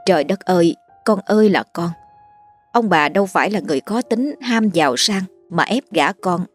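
A woman host narrating a late-night ghost story in a polite, measured way. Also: mid-range voice, no room sound. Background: faint background music.

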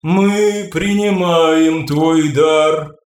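A man voicing a serene, commanding female being made of flesh, speaking slowly and solemnly with a soft, ringing, imperious voice. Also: fairly high pitch, echoey room, voice pushed up. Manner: slow solemn ritual pronouncements.

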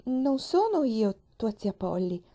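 A woman's voice: on the high side, sing-song, slow, warm tone, voice pushed up, exaggerated voice. A woman voicing a flustered young housemaid who stammers and hesitates.

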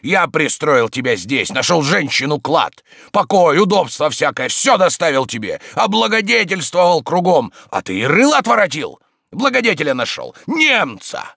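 A coarse, blustering man, as a male reader puts him on, hurls insults at the top of his voice. His pitch shoots high and swings wildly, and the sound is dry and close, like an audiobook. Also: sing-song, moderate pace, creaky, dry recording, full character voice. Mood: indignant. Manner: shouting, indignant, insulting. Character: coarse, bullying middle-aged man, loud and abusive.

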